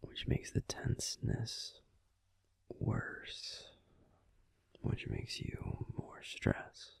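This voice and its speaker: A man plays a grumpy young werewolf boyfriend in an ASMR roleplay, whispering softly, soothingly and breathily right by the mic. He speaks extremely slowly, and the recording has no echo.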